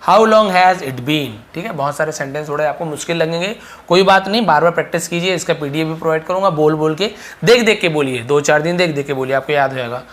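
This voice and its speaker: Male teacher, spoken English lesson; slow, clear drilled example phrases, brisk explanations in between. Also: a little high. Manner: says example sentences slowly and clearly, explains quickly.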